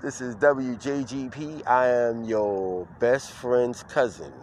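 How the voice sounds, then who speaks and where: A man hosting his own podcast outdoors, playing a loud, upbeat morning-radio host who stretches out words and laughs. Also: medium pitch, a little hiss or hum. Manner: hype-man energy, drawn-out shouted words, laughing. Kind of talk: playful mock morning-radio show. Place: outdoors in the street.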